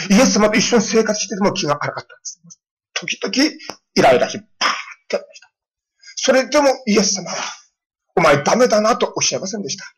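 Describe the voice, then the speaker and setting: Middle-aged man, pastor giving a storytelling sermon, husky tone, animated delivery. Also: high-pitched, rough recording. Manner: storytelling with lively voiced quotes of children.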